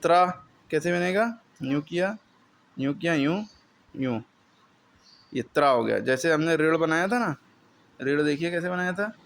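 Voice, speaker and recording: A man's voice: a little high, expressive, unhurried, vocal fry, long pauses. A man teaching the alphabet in a classroom lesson, explaining patiently step by step and drilling each sound for a pupil to repeat.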